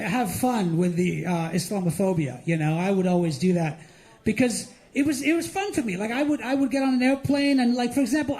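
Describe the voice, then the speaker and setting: High-voiced man doing animated stand-up. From India. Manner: animated, mocking, with lively acted-out asides. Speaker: stand-up comedian and host. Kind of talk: stand-up comedy set. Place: live comedy show before an audience.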